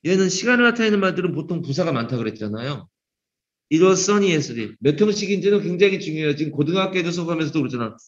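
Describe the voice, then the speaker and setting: Man, English grammar teacher, fairly high voice, quizzes students by name, teasing jokes, classroom, dull lo-fi recording. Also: very animated, rapid-fire, hardly any pauses. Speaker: English teacher at a cram school. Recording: dull lo-fi sound.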